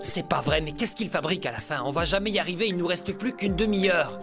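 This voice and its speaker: An actor playing a brash, cocky young thief hero in a French anime dub. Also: male voice, sits high, fast, over music. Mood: impatient.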